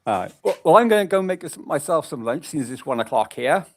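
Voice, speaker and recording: A man's voice: a little high, very animated, fairly quick. A man in casual conversation, talking in a plain, anecdotal way. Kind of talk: casual chat, telling anecdotes.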